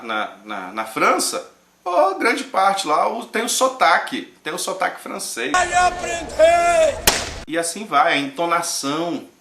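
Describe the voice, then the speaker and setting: Animated Brazilian preacher, bright echoey voice. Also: male voice, high voice. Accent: Brazilian Portuguese. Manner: animated, joking, swings between loud and hushed. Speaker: pastor and show host. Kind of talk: casual sermon-style commentary.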